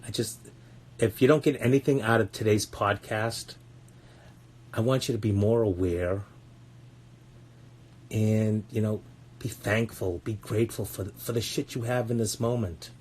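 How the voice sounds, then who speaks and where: A man's voice: lowish voice, unhurried, long pauses, darkish tone, a little hiss or hum. A man talking as a parenting coach on a casual podcast, blunt and earnest, swearing often and repeating words as he searches for them.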